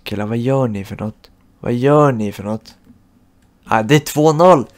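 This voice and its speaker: A man giving live commentary over his football video game, cheering his team and groaning at misses. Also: medium pitch. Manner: excitable, shouts at goals, groans at misses. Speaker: gaming channel host.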